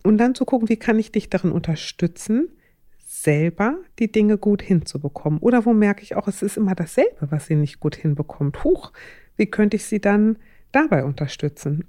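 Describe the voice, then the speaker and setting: A middle-aged woman in a relaxed podcast chat, sharing parenting advice in a mellow, dark voice. She talks thoughtfully and hesitantly, pausing on fillers as she works through her ideas. The sound is dry and close. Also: medium pitch, dry recording. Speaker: parenting advisor. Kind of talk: casual podcast conversation.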